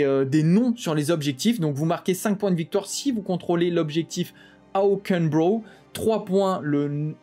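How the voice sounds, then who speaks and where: A man hosting a tabletop game channel, explaining rules in a quick, casual way with lots of fillers and restarts. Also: sits high, darkish tone. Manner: talks fast, with many "euh" fillers and restarts.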